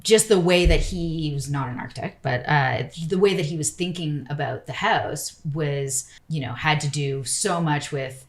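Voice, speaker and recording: A woman with a low voice talks easily as a podcast guest. She rambles through her thoughts and fills her speech with "like" and "you know", in a relaxed, conversational way. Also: moderate pace, hardly any pauses. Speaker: architect guest. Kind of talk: casual interview chat.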